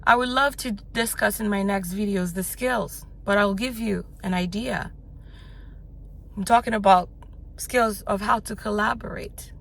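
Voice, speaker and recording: In her motivational vlog, a business coach raised in the United States rambles loosely and bluntly, swearing casually and full of fillers and restarts. Her voice is mid-range, gravelly and fairly bright, and she takes an unhurried pace.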